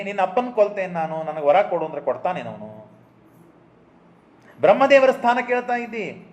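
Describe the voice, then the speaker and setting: A man's voice: fairly high pitch, echoey room, lo-fi sound. A man giving a religious discourse. He tells stories and asks and answers his own rhetorical questions. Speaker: preacher giving a scripture discourse.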